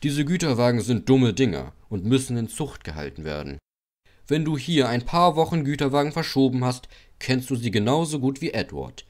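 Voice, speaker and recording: A man's voice: medium pitch, big pitch swings, moderate pace, a little mellow, natural voice. Stout strict director, man reading, lecturing tone, storybook. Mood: stern. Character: stout stern railway director, older man. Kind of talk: audiobook character voice.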